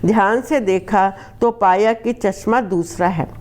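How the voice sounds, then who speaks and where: A woman's voice: mid-range voice, darkish tone. A woman teacher reading a Hindi text aloud and going over each line again in simpler words for her class. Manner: reads a line, then rephrases it slowly in simple words. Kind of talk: reading and explaining a Hindi lesson.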